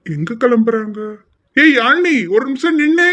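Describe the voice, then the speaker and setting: A man's voice: very high voice, animated, normal speed, pushed and bright. A man voicing a curious young man who keeps calling out and pestering everyone with questions. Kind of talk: amateur audio drama acting.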